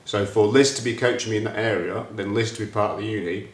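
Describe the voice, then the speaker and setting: A man, hosting a casual chat and talking about his plans in an animated, excitable way. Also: fairly low pitch, fast, reverberant. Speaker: host.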